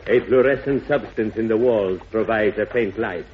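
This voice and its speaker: A man's voice: on the low side, moderate pace, close to an everyday voice. A man playing a menacing turbaned villain in a 1940s radio drama, formal, ominous and theatrical. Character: menacing turbaned man posing as mysterious genie's servant. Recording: dull, noisy old radio recording.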